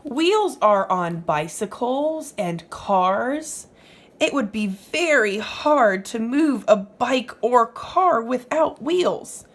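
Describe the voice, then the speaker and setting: A woman with a fairly high voice and lively intonation reads at a slow pace for young children. She instructs like a teacher would, pausing to explain and to question the listener.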